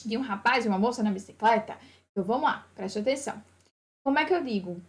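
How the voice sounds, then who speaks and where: A woman's voice: a little high, animated, quick pace. A woman teaching a basic English lesson, patiently repeating examples and checking understanding. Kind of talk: online English lesson taught in Portuguese.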